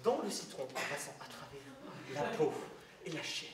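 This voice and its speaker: Male amateur magician, informal step-by-step patter, lively swinging pitch, very echoey distant recording. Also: normal speed, a crowd in the background. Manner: informal step-by-step explaining to a participant. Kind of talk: live card trick patter. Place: echoey indoor room with people around. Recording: echoey room, distant mic, noisy.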